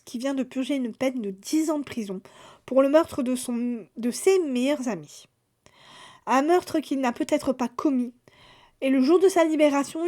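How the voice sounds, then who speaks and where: A woman's voice: sits high, darkish tone. A woman chatting casually through a book haul, summarizing plots with fillers and restarts. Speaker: book vlogger.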